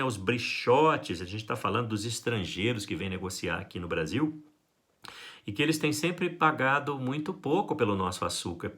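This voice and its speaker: Lively Brazilian literature teacher, a man. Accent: Brazilian Portuguese. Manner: lively, playful, acts out quotes with big pitch jumps. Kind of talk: recorded online class for high school.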